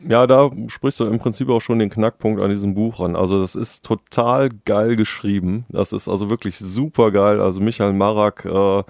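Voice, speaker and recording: A man with a deep, low voice talks through a novel's plot in relaxed conversation. He hesitates often and pads his sentences with fillers. The sound is dry and close. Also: moderate pace, creaky, hardly any pauses, dry recording. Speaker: book reviewer. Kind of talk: casual book discussion.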